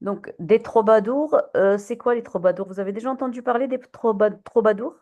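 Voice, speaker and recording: Mellow-voiced woman teaching a class. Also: medium pitch, fast talker, muffled recording. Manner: patient, questioning, many fillers and restarts. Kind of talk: classroom lesson on poetry.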